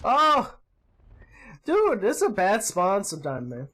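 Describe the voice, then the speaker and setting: A man hosting his gaming channel, giving excitable gameplay commentary, yelping and groaning at the action and swapping in mild words for swearing. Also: high-pitched, moderate pace. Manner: excitable, yelps and groans at the game.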